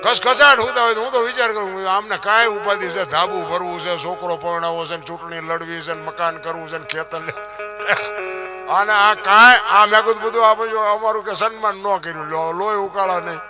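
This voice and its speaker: A high-pitched man delivers a moralizing folk storytelling talk. He preaches, fires off rhetorical questions and slips into half-sung lines. A guitar plays clearly beneath his voice. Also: steady tone, brisk. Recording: clear guitar music under the voice. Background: guitar music playing.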